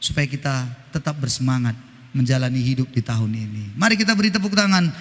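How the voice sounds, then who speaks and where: A male pastor preaching an animated, teasing sermon, breaking into snatches of hymns. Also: mid-range voice, quick pace. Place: church. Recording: church hall reverb.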